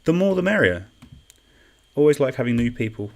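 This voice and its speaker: A man's voice: medium pitch, very animated, a little fast. A young man hosting an online quiz in a chatty, self-deprecating way, reading out comments and repeating each question. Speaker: quiz host. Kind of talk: casual live-stream quiz hosting.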